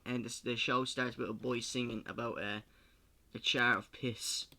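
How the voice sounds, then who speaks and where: A man's voice: mid-range voice, bright, forceful tone. A young man giving a comedic movie recap, swearing and acting out the film's characters. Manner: swearing, jokey, acts out film characters. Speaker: video host.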